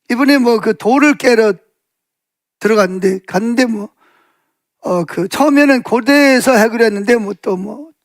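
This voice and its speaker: A male pastor giving a Sunday afternoon sermon in a conversational storytelling way, full of fillers and asides, raising his pitch to act out quoted speech. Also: creaky, dry recording, studio quality. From South Korea.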